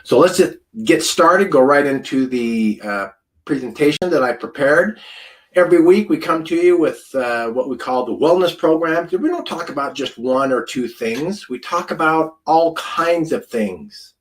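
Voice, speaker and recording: A man's voice: on the high side, lively intonation, unhurried. Chatty man in his fifties. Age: 50s. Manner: chatty and rambling, with many fillers and restarts. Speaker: food scientist presenting a wellness program. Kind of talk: informal spoken presentation. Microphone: close to a camera mic.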